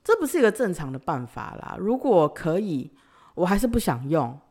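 A woman, hosting a podcast and telling a personal story, swinging between loud outbursts and quiet sighs. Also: on the low side, sing-song, moderate pace. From Taiwan. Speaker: podcast host.

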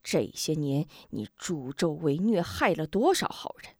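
A woman's voice: sits low, lively intonation, measured pace, darkish tone, breathy edge, dry recording, clean studio sound, full character voice. A woman voicing a fierce old beggar woman, a martial heroine who questions sternly and commands. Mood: stern, angry.

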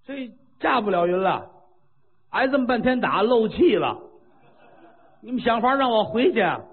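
A man voicing a boastful, befuddled male monk, muttering to himself in a low, quiet voice in a storytelling performance. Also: sing-song, moderate pace, husky, phone-quality sound, heavily acted. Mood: sheepish.

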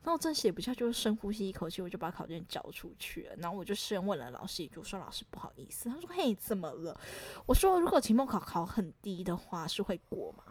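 A young woman, co-hosting a casual podcast and telling stories in an animated way, acting out quoted lines and laughing often. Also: medium pitch, fast, few pauses. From Taiwan. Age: young adult. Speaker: podcast co-host.

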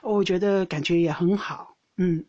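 A woman's voice: lowish voice, steady tone, normal speed, warm tone, lo-fi sound. A woman hosting a podcast, telling a personal story in a rambling, casual way with frequent laughs and restarts. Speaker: podcast host; older sister co-hosting with her sister. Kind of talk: casual chat.

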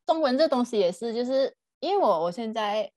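A young Malaysian woman co-hosts a relaxed podcast chat, her voice rising and falling in animated swings. She laughs often and sits slightly high in pitch. The recording is dry and close. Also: brisk, no room sound. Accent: Hokkien-tinged Malaysian Mandarin. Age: young adult. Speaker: podcast co-host. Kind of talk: casual chat.

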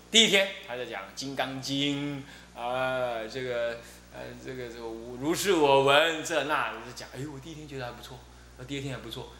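A middle-aged man, giving a Buddhist dharma talk as abbot and telling stories in a lively way, often repeating his fillers. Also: medium pitch. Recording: roomy echo with faint hum.

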